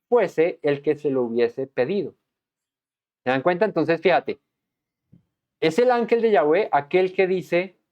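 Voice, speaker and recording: A man's voice: fairly high pitch, a little mellow. Dramatic male preacher, lo-fi sound. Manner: dramatic, acts out the angels and God in voices. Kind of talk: verse-by-verse sermon.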